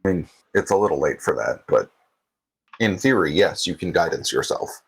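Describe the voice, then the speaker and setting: A man with a very low, husky voice runs a tabletop game. He talks in a relaxed way, often pausing on fillers while he hunts for the right word. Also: low-quality recording. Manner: relaxed, searching for words with many fillers. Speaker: game master.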